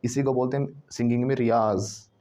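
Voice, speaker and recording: Animated man teaching a class. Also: medium pitch, normal speed. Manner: animated, drills words loudly, laughs often. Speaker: English teacher. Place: classroom with students.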